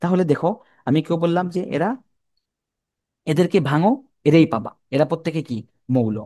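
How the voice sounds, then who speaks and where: This chemistry teacher is a young man with a Bangladeshi Bengali accent whose warm voice sits on the high side, with lively intonation and a fairly quick delivery. His informal, repetitive style has him asking students things and supplying the answers himself, repeating terms colloquially, with no echo.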